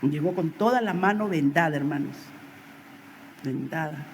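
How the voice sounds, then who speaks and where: A woman's voice: deep voice, measured pace, slight background noise. A woman teaching a Sunday school sermon, telling stories animatedly and acting out the voices of the people in them. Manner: animated storytelling, acts out quoted voices, builds to emphatic exhortation.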